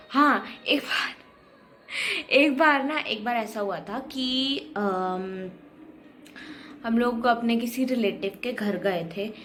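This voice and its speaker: A woman's voice: on the high side, a bit bright. A young woman chatting casually and rambling, full of fillers and self-corrections. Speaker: arts student vlogger. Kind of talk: casual chat.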